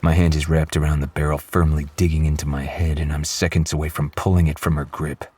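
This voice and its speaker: Very deep, husky male narrator. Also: flat delivery, fairly quick, darkish tone. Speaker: audiobook narrator. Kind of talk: first-person audiobook narration.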